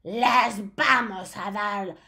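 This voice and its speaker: A woman voicing a furious, hateful grand witch in a storybook reading, shrieking her words slowly and drawn out. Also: medium pitch, sharp tone, voice pushed up, exaggerated voice. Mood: screeching hateful. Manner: slow, drawn-out shrieking declarations. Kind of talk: storybook read-aloud.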